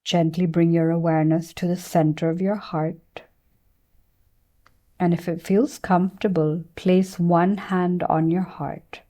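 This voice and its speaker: Speaking as a meditation and yoga teacher, this woman uses a gentle, very mellow voice that rests a bit low, with little movement in pitch. Her soothing guidance comes very slowly, with space left between each phrase.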